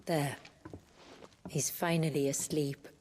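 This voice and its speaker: An actress playing a proud, protective warrior chief in a video game, speaking in a solemn, deliberate way. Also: female voice, low-pitched, steady tone, darkish tone, slight background noise. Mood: calm, resolute. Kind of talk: dramatic video game acting. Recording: long reverb, music behind.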